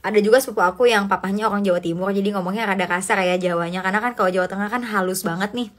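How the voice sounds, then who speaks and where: A woman's voice: medium pitch, racing. Chatty young Indonesian woman livestreaming. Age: young adult. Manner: chatty, animated, mixes in slang and English. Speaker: livestream host reading comments. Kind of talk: casual livestream chat.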